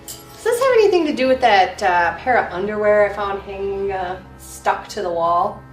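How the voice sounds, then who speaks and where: A woman's voice: mid-range voice, lively intonation, normal speed, faint music behind, close to an everyday voice. A woman playing a ditzy, cheerful friend in a comedy sketch who overshares matter-of-factly. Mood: cheerfully oddball. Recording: echoey room, distant mic.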